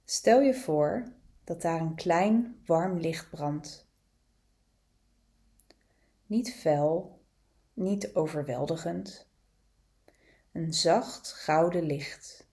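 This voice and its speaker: A woman leading a guided meditation, giving calm, gentle, soothing instructions with long pauses between them. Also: low-pitched.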